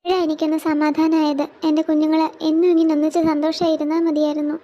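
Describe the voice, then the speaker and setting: An anxious young mother, voiced by a woman, in a very high voice. She pleads emotionally and frets over her child, like a mother in a storybook drama. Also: monotone, quick pace, dark tone, highs cut off, lightly acted. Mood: relieved.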